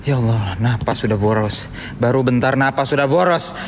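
A man with streaming a ghost hunt, nervously calling out into the dark on a handheld phone. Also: mid-range voice, moderate pace. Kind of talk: live ghost-hunting stream. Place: empty haunted building indoors. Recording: reverberant hall with faint noise.

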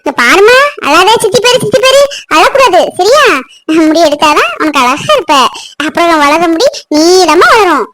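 A young woman playing a sharp-tongued but caring village wife in a family drama skit. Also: extremely high pitch, very animated, normal speed, noisy background. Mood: coaxing. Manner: sharp-tongued, teasing and scolding.

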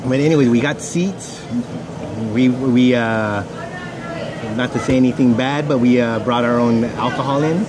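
A man chatting as a show co-host on an outdoor racetrack terrace. His speech is loose, joking and sprinkled with swearing. The camera picks him up over a clear wash of outdoor noise and passing traffic. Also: medium pitch, normal speed. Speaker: podcast co-host. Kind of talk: casual chat.

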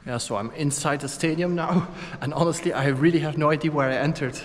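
This travel vlogger, a Belgian man in his thirties, laughs often as he narrates casually through an outdoor stadium and its corridors. His pitch is fairly high and he talks a little fast. The action camera he holds at arm's length adds a little hiss or hum.

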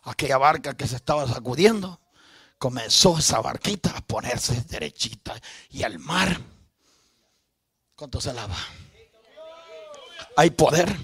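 A male pastor preaching an impassioned sermon, rising to shouts and calling out to the congregation. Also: mid-range voice, lively intonation, unhurried, long pauses, husky, dry recording.

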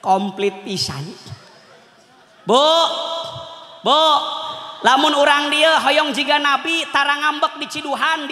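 Joking Sundanese-accented preacher, bright and echoey. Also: male voice, very high voice. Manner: joking, animated, acts out villagers' voices. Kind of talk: humorous village sermon. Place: outdoor village religious gathering.

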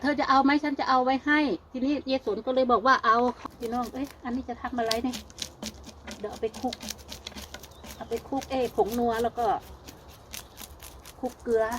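An older Thai woman with a northeastern Isan accent talks in a slightly high voice. She chats to her viewers in a homespun, folksy way. Steady background noise runs under her voice. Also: rough recording. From Thailand. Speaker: vlogger. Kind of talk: casual chat to viewers.

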